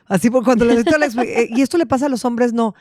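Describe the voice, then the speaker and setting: A woman's voice: fairly high pitch, rapid-fire, darkish tone, no echo. A woman hosting a podcast, chatty and jokey, telling anecdotes with quoted dialogue. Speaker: podcast host. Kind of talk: casual chat.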